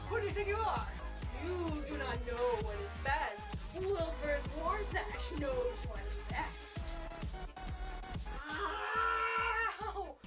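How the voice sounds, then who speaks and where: Man putting on a shrill, haughty master. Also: sing-song, very slow, heavily acted. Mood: scornful. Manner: arrogant, berating, talks of himself in third person. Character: haughty pompous man scolding a maid. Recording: distant voice over loud music.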